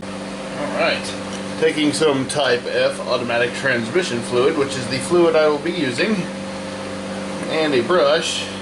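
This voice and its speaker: A man's voice: medium pitch, unhurried. A man giving casual, folksy how-to commentary, talking himself through each step as he works in a shop. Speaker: host of a hands-on repair video. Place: hot workshop with a fan running. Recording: constant fan and hum noise behind voice. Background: running fan, steady hum.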